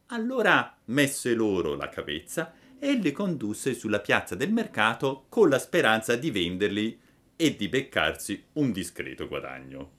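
A man narrating a storybook slowly and expressively. His voice swoops widely as he lingers over each phrase in a dramatic reading. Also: lowish voice, huge pitch swings, a bit bright.

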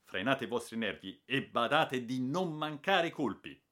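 A young adventurer shouts warnings in a high, strained voice, as a male narrator plays him. His pitch swings widely and his delivery is urgent and alarmed. He is the hero of a storybook adventure. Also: animated, measured pace.

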